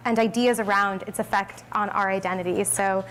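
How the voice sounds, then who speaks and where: A woman's voice: mid-range voice, steady tone, fairly quick, very noisy. Casual woman moderating a panel. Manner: warm, casual, joking, with fillers. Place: stage before a live audience.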